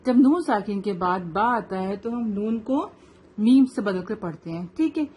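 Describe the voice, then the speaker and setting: A woman, teaching tajweed to children, explaining rules quickly and then reciting slowly word by word. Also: mid-range voice, animated, a little mellow.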